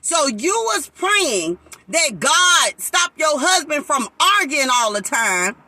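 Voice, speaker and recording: A woman preaches, fervent and emphatic. Her voice sits very high and sounds bright and sharp. It jumps all over her range as she drives her points home. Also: very animated, takes it slowly, dry recording. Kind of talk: sermon-style live talk.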